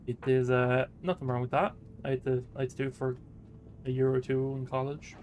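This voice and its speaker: A man's voice: medium pitch, level tone, a little fast, highs cut off, a little hiss or hum. A man doing casual let's-play commentary, rambling as he narrates what he does. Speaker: gaming commentator.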